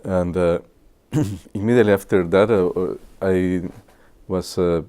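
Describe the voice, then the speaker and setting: A man in his sixties from Guatemala, speaking English, shares memories with students in a halting way, full of filler pauses. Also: low-pitched, fairly even intonation, dark tone. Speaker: physicist. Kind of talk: reminiscing talk to students.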